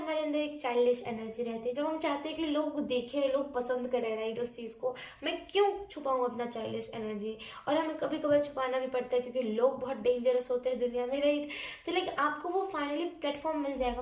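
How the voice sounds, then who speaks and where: A woman's voice: high-pitched, roomy sound. A woman giving a casual pick-a-card tarot reading, chatty and full of fillers, often mixing English into her talk. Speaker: tarot reader.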